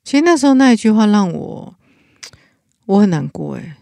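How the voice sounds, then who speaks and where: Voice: mid-range voice, very animated, normal speed, gravelly, darkish tone, no room sound, clean studio sound. 一位带台湾口音的老师，在闲聊中恳切地讲自己的经历，常常停顿重说。. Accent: Taiwanese Mandarin. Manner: earnest, with frequent restarts. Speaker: teacher, podcast co-host. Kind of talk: casual chat, personal story.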